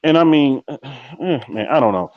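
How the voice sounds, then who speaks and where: A man hosting a live podcast, chatting casually and telling stories in a slangy, animated way, acting out quoted lines. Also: medium pitch, a little slow, no room sound, narrow, tinny audio. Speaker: podcast host. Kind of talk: casual live-stream chat.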